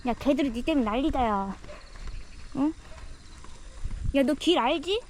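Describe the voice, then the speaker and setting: High-voiced woman chatting to a dog outdoors. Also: expressive, a little slow, darkish tone, a little hiss or hum. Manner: chatty, talks to the dog, mock-scared squeals. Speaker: vlogger walking a dog. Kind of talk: casual self-talk monologue. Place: outdoors on a rural seaside road.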